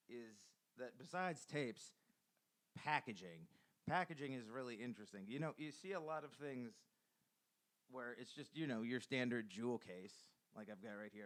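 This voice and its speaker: Rambling enthusiastic male podcast host. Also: fairly low pitch. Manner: rambling, enthusiastic, many fillers and restarts. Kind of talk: casual solo podcast chat.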